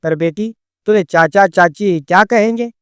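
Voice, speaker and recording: A man's voice: high-pitched, a little slow, fairly bright tone, clear, resonant tone, dry recording, clean studio sound. A man voicing an insistent middle-aged mother who keeps pressing her daughter, in a narrated story. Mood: coaxing. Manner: pleading then complaining.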